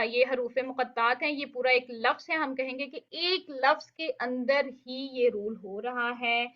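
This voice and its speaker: A woman with a fairly high voice teaches Quran recitation, walking through each rule patiently and checking in with her students. She slows down to recite the Arabic words and show each sound. The recording sounds dull and lo-fi. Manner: patient, explains step by step with check-ins. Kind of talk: online lesson.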